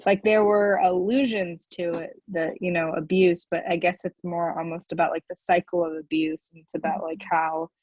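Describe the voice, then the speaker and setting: A woman's voice: fairly low pitch, steady tone, normal speed, hardly any pauses, darkish tone, no echo, low-quality recording. A woman talking casually and hesitantly in a book club chat.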